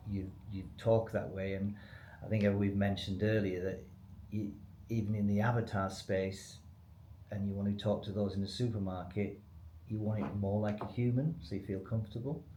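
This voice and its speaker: A man with a low, mellow voice speaks unscripted as a company spokesman in a business webinar. His explanations are informal and loosely structured, and the echoey room carries faint noise.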